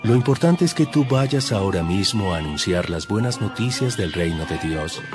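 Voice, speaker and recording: In an audio Bible drama, a man plays a religious teacher who is solemn, authoritative and instructive. His low voice has lively intonation and a moderate pace. Music plays under his voice.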